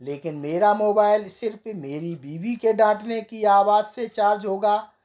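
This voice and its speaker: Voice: medium pitch, fairly even intonation, a little slow, a little mellow, voice pushed up, lightly acted. A storyteller voicing a cheerful, boastful village inventor man who is always sure of his silly ideas.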